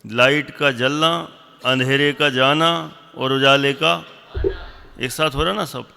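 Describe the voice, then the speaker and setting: A man teaching a religious class, slowly repeating definitions and quizzing and scolding his pupils. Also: medium pitch, steady tone, creaky, pushed and bright, clear, resonant tone, big-room sound. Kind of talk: classroom lesson with questions to students.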